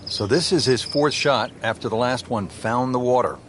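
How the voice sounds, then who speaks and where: A man working as a golf commentator in a video game, with a measured, polished TV announcer delivery. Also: mid-range voice, noisy background, lightly acted. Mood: composed, appreciative. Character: male TV golf commentator, composed and appreciative. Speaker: lead golf broadcast commentator. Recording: background music and crowd ambience.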